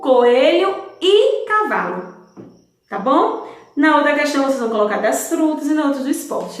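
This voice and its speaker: A primary school teacher records a lesson for young children, speaking slowly and patiently in a fairly high, lively sing-song that rises and falls. She poses questions and answers them herself, pulling syllables apart one at a time, while the room rings with a strong, hollow echo.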